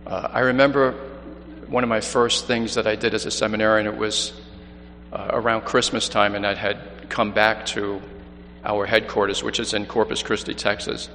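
A man from New York City, a missionary priest, speaks in a large church, first reading the Gospel and then making an earnest homily appealing for the missions, restarting often. His voice is on the low side and a bit bright, his delivery flat at normal speed. Soft background music, long church reverb and a faint hum are audible.

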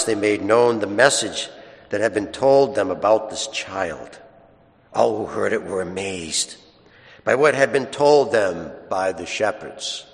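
A man's voice: lowish voice, fairly bright tone. A man, a priest, reads the gospel and preaches a chatty homily at Mass, asking his listeners questions, in a church with a long echo. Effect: long echoing church reverb. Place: large church. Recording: echoey church hall with long reverb.

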